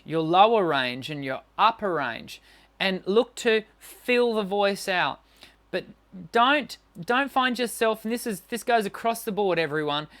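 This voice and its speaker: On his live stream, a singing teacher in middle age fields questions from viewers with encouragement, often stumbling over fillers and starting sentences again. His tenor voice is high, pushed, and bright.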